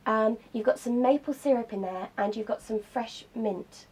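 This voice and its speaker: A woman's voice: on the high side, normal speed, darkish tone, slightly rough. A woman, a cookbook author, talking enthusiastically about healthy desserts as a guest in a radio studio interview. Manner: enthusiastic, explanatory.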